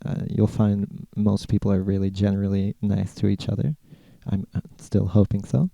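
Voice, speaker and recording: A laid-back American man answers listener questions on his podcast. His voice is low and gravelly, with a dark, mellow tone. The sound is close and dry. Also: completely flat delivery, normal speed, no room sound. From California, USA. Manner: laid-back, rambling, with many "like" fillers. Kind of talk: casual Q&A chat.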